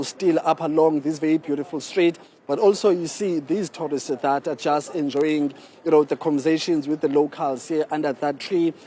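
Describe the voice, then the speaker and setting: A man's voice: fairly high pitch, darkish tone. A South African man giving a conversational, wordy live news report from the street. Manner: conversational, wordy, frequent "you know". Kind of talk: live on-location report and interview. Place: outdoors on a city street. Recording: outdoor street, faint traffic noise.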